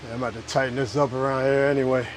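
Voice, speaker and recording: Male DIY vlogger, offhand and muttery, salty language, medium pitch, some background vehicle noise. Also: flat delivery, rapid-fire. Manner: offhand, muttering to himself, swearing. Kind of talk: casual hands-on work vlog. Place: inside a food truck. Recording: clear vehicle and fan noise.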